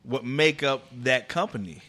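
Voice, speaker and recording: A man's voice: mid-range voice, lively intonation, moderate pace, sharp tone. A man co-hosting a podcast, giving opinions in casual chat with a rambling, swearing manner. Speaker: podcast co-host.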